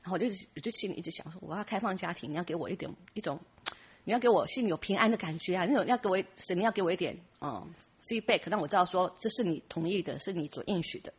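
A woman tells her church testimony in a chatty, rambling way, often restarting and laughing. She talks quickly, and her voice is husky. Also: fairly low pitch, expressive. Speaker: church member giving a testimony. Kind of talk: personal testimony.

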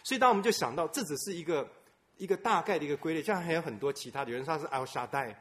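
A man preaching a sermon, swinging between loud, emphatic bursts and soft, low asides, and repeating phrases for emphasis. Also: animated, rapid-fire.

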